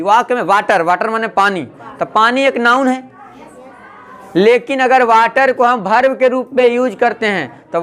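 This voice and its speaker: Loud Hindi-speaking male teacher drilling a class. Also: sits high, clear, resonant tone. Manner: call-and-response drilling, repeats and quizzes students loudly. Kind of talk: classroom English grammar lesson. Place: classroom with students. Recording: noisy classroom with crowd chatter. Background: students chanting answers, classroom noise.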